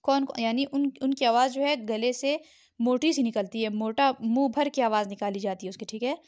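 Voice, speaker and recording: A woman's voice: on the high side, steady tone, normal speed, darkish tone. A woman teaching a lesson on Arabic letter sounds, patiently sounding out and repeating each letter. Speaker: Quran recitation teacher.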